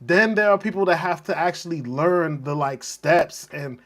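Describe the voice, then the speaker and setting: A man's voice: a little high, normal speed, a bit bright. A man in his early forties hosting a casual chat, loose and talkative, who keeps checking in with his listener. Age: 40s. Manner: loose and chatty, often asks "you know what I'm saying". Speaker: podcast host.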